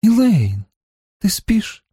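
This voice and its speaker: A man voicing an earnest, anxious young woman, a novice confined to a small cell, in a hushed, pleading way. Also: sits high, wildly swooping pitch, extremely slow, husky, no echo, studio quality, pitched above the performer's own voice, heavily acted. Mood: whispering.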